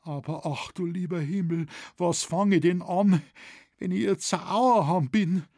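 Man playing a scared dim hunter, Bavarian dialect, shrill high voice, husky edge, storybook. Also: sing-song, unhurried, mellow, no room sound, studio quality, exaggerated voice. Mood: fretful. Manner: shrill, panicky and pleading. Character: frightened, dim-witted male village hunter.

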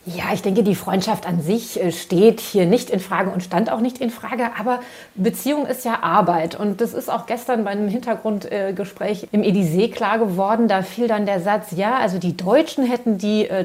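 A woman's voice: medium pitch, moderate pace, a little mellow. A woman news correspondent giving spontaneous analytical answers in an interview.

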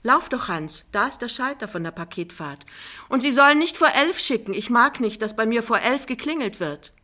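A woman's voice: fairly high pitch, expressive, normal speed, pushed and bright, voice pushed up. A woman reading an audiobook, voicing a vain, thrifty middle-aged mother with a gushing, bossy and theatrical manner.

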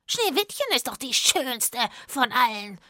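A woman's voice: sing-song, unhurried, sharp tone, no room sound, clean studio sound, heavily acted. A woman voicing a vain, hot-tempered king who shrieks and squawks in a children's radio drama. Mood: huffy. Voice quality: shrill, squawking. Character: vain shrieking male king, easily enraged.

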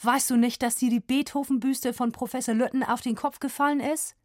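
A woman's voice: high-pitched, steady tone, a little fast, no room sound, clean studio sound, pitched above the performer's own voice, close to an everyday voice. A woman voicing a worried, agitated father pleading with his daughter. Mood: anxious. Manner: anxious and pleading.

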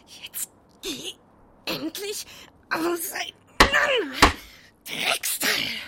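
An actress playing an irritable woman muttering sarcastic rants to herself as she clears out a house. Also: extremely high pitch, very animated, extremely slow, heavy background noise, heavily acted. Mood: grumbling. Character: irritable woman sorting an inherited house, grumbling.

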